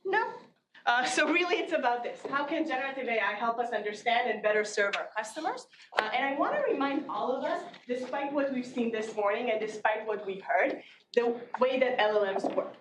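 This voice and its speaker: A woman's voice: a little high, animated, a little fast. Woman professor lecturing in an echoey room. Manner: conversational with frequent fillers and restarts. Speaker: marketing professor. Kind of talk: conference lecture presentation. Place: large classroom. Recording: echoey room with background noise, from far off.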